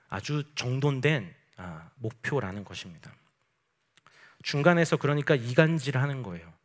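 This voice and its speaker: Emphatic preacher with lively pitch. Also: male voice. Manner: emphatic, rhetorical questions to the congregation. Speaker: pastor. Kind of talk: sermon. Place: church service at night.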